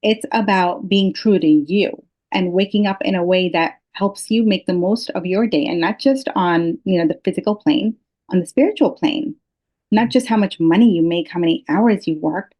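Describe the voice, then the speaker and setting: A woman's voice: mid-range voice, normal speed, highs cut off. A woman from Pakistan talks as a podcast guest, explaining her personal views and experience in an earnest, reflective way. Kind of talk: reflective personal interview talk.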